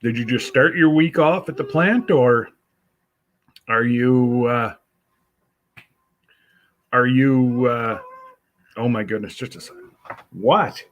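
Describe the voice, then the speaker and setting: Middle-aged man, congested, slow unhurried rambling, mid-pitched voice, casual home livestream. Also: a little hiss or hum. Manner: slow, rambling, with many fillers. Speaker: livestream host.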